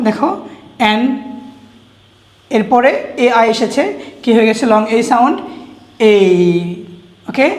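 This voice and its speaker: A woman's voice: on the high side, a little mellow. A woman teaching English pronunciation, repeating each word several times and quizzing her listeners. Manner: patient, drawn-out spelling of letters. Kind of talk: classroom-style phonics lesson. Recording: echoey room.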